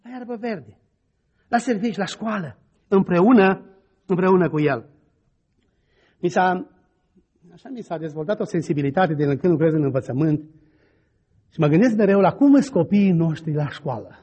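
High, lively-voiced male preacher, husky. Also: long pauses. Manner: animated storyteller, swings from quiet asides to loud exclamations. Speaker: pastor. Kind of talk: sermon with personal stories. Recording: dull lo-fi recording.

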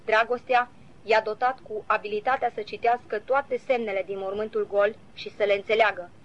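A woman reading a devotional Bible commentary aloud in a measured, earnest way, citing verses as she goes. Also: mid-range voice, steady tone. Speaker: Bible teacher. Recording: slightly dull lo-fi recording.

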